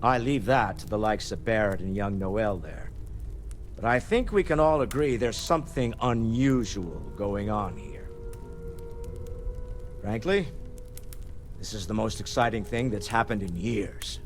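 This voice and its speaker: A man's voice: fairly low pitch, a little slow, long pauses, soft background music, lightly acted. A man playing a wealthy older businessman in a video game, urbane, proud and wry. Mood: thoughtful, intrigued. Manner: urbane, self-assured, wryly conversational. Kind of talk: scripted video game dialogue.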